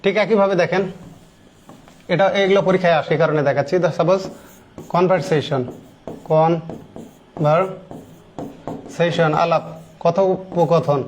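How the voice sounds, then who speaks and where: High-voiced man teaching grammar in his thirties. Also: slight background noise. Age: 30s. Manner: explains step by step, slowly spelling out English example sentences and words; repeats key words and asks the class questions. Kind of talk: online grammar lesson.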